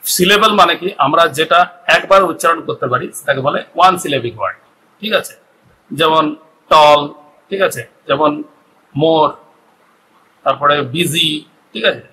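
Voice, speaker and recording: Man, grammar teacher, Bengali accent, bright forceful voice, slightly high, step-by-step explaining, faint background noise. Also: normal speed, long pauses, low-quality recording. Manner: explains step by step, often asks "ঠিক আছে?". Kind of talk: video grammar lesson.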